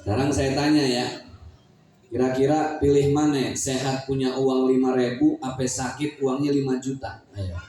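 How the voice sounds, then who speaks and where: At a community gathering, a Betawi-accented preacher from Jakarta, Indonesia jokes around and quizzes the crowd playfully during a humorous religious talk. He has a mellow, medium-pitched voice, speaks at a moderate pace and delivers flatly. The audio is distant and echoey, as in a hall, with slight background noise.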